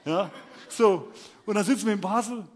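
A young adult man preaching, telling a personal story with lively acted-out scenes and shouted peaks. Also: high-pitched, normal speed. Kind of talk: animated sermon storytelling.

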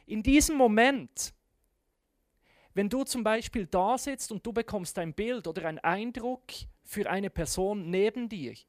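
A preacher telling a story in a sermon with casual, slangy drama. The voice sits at a middle pitch. The recording is dry and close, with no room sound. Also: darkish tone, dry recording.

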